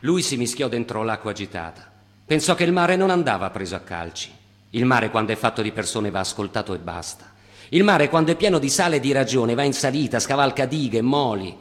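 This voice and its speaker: A man of middling pitch reads literary prose steadily and deliberately. His voice carries a long reverberant hall tail. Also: lively intonation. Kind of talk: dramatic reading of literary prose.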